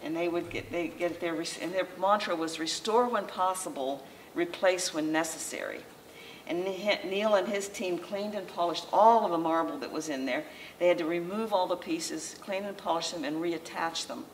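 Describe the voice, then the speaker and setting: The president of a local historical society, an older woman whose voice sits on the low side, leads an informal slideshow lecture for a small group inside a library meeting room. She is conversational but halting, frequently starting over. Faint room noise accompanies the masked speaker, captured from a far camera mic.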